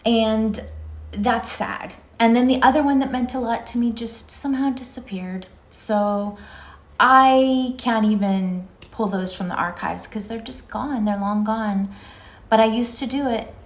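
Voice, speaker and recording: A woman in her fifties films a casual, reflective solo vlog in an echoing indoor stairwell. Her voice is a little high and her pace measured as she rambles, muses and chats conversationally.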